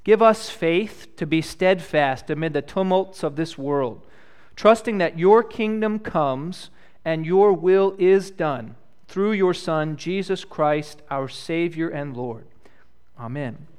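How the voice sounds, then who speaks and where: A man in his thirties, a pastor leading prayer and a children's message, speaking gently and asking the children simple questions. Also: on the high side, slow, clean tone. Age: 30s. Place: church.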